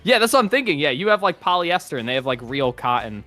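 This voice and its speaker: A young man co-hosting a casual podcast who jokes and teases his friend with quick interjections. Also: fairly high pitch, very animated, bright, forceful tone, faint music behind. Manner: joking, teasing interjections with laughter. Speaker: podcast co-host. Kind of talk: casual chat.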